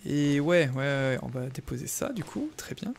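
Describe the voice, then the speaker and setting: A man's voice: medium pitch, big pitch swings, moderate pace, vocal fry, slight background noise. A young man casually commenting on his game live, thinking aloud and answering viewers in chat. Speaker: streamer.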